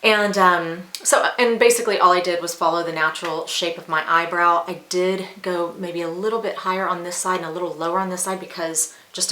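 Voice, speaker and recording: Applying makeup on camera, a beauty vlogger in her forties rambles casually and frankly, with plenty of asides. She speaks on the low side with a sharp tone, and the audio carries room echo and a slight hiss.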